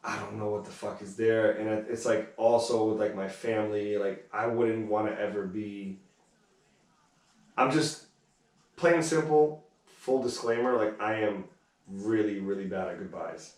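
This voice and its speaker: A man's voice: lowish voice, measured pace, a little mellow. A man co-hosting a podcast in casual chat, rambling with lots of filler words and free swearing. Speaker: podcast co-host. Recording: roomy echo, distant from mic.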